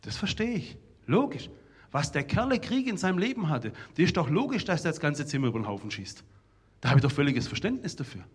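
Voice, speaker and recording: A man gives a lively storytelling talk to young people and parents, acting out remembered dialogue. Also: fairly high pitch, brisk, husky. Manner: animated, shouts out remembered dialogue. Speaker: speaker addressing an audience of young people and parents.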